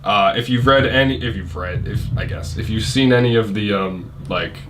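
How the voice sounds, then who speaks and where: A man's voice: on the low side, moderate pace, fairly bright tone, a little hiss or hum. A man co-hosting a casual podcast chat, rambling, laughing often, and trailing off mid-thought. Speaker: podcast co-host.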